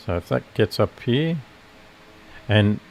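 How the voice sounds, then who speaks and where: Man, nasal voice, low-pitched, casual trading stream chatter, meandering and self-correcting. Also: animated, slow, creaky, darkish tone. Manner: rambling, self-correcting explanation with fillers. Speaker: futures trader streaming live. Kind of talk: casual live trading commentary.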